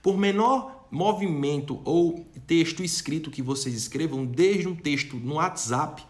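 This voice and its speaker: Man, young adult, teacher, fairly high voice, rhetorical questions, talks straight to students. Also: measured pace. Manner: asks the class rhetorical questions and answers them; addresses students directly and checks in often. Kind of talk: online lesson.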